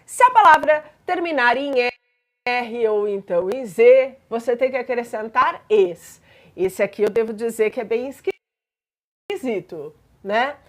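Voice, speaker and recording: A woman's voice: on the high side, animated, a little slow. A woman teaching grammar in a patient explanatory lesson, spelling out examples and checking in with listeners.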